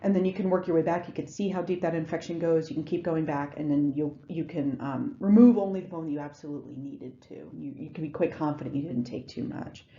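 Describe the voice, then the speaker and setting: A woman's voice: sits low, fast talker, few pauses, warm tone, muffled recording. A woman giving a recorded lecture in a conversational way, with frequent ums and restarts. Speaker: instructor.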